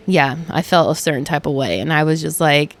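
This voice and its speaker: A woman hosting a podcast from her couch at home, talking in a casual, emphatic way, with lots of "like" and some swearing. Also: low voice. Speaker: podcast host.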